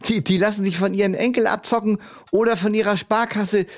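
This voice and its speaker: Smug high-voiced man in a comedy sketch. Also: fairly even intonation, brisk. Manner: smug, scoffing know-it-all. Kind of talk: scripted comedy sketch dialogue.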